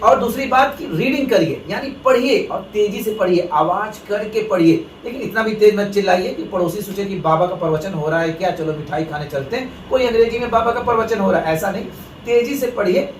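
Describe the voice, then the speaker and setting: A man's voice: high-pitched, slight background noise. A man from India gives a spoken lesson, explaining step by step and calling his viewers friends. He sits some distance from the mic, so the voice carries the echo of the room around him. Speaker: English teacher. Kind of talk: Hindi lesson talk.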